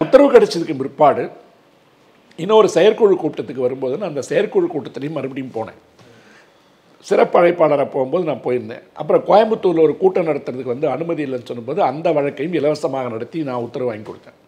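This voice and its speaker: A man's voice: a little high, dark tone. A man in his sixties, an advocate, speaking earnestly and emphatically in an interview, with a lot of filler words. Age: 60s.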